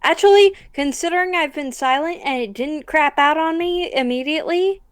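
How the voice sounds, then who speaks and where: A young woman co-hosting a podcast, chatting casually with quick asides. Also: high-pitched, dry recording, clean studio sound. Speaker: podcast co-host. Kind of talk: casual chat. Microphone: computer mic on a voice call.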